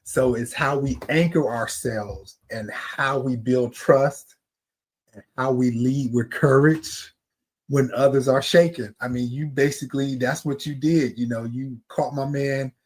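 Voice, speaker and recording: Man, average pitch, thoughtful, casual podcast co-host. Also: fairly even intonation, a little slow, a little mellow. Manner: thoughtful, reads a definition aloud. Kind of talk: casual reflective chat.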